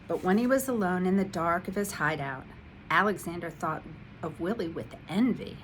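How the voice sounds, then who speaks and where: A woman, an instructional coach, reading a children's picture book aloud in an expressive, animated way. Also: lowish voice, normal speed, a little hiss or hum, rough recording.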